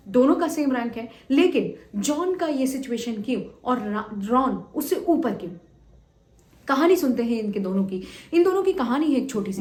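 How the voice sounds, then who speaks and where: A woman's voice: high voice, darkish tone, echoey room. A young woman teacher giving exam tips to students, repeating phrases for emphasis and acting out a story between two students. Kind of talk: motivational talk to students with a told story.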